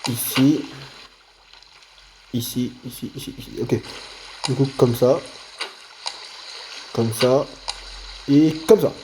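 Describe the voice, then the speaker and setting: A man narrates his own moves while he plays a video game, thinking aloud and joking with his viewers. His voice sits at a mid pitch and comes through a desktop mic with a faint hum behind it. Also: fairly even intonation, takes it slowly, pauses often, a little mellow. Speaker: gaming video creator. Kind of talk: let's play commentary.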